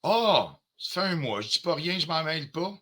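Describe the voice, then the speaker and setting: A man's voice: on the high side, big pitch swings, moderate pace, fairly bright tone. A man with a Quebec French accent ranting on a live stream, confrontational and heated, swearing often and dropping in English phrases. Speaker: livestreamer.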